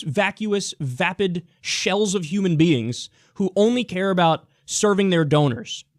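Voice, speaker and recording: Fast, high-voiced ranting male commentator. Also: dry recording, clean studio sound. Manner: heated, emphatic, blunt and profane. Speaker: political commentary show host. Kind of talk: solo political commentary rant.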